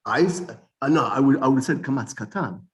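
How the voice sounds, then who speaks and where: A man teaching an informal Bible study lesson, animated, often repeating words and restarting sentences. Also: mid-range voice, quick pace, dull audio.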